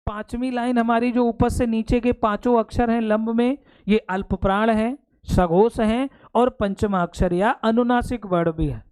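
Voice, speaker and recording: एक पुरुष हिंदी शिक्षक, जो परीक्षा की तैयारी के लिए कक्षा में समझाता है और बार-बार पूछता है कि बात समझ आई या नहीं।. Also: male voice, extremely high pitch, steady tone, moderate pace, a little mellow, clean tone. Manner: explains step by step, keeps checking understanding; addresses students fondly as "beta". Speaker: Hindi teacher. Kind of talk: exam-prep classroom lecture.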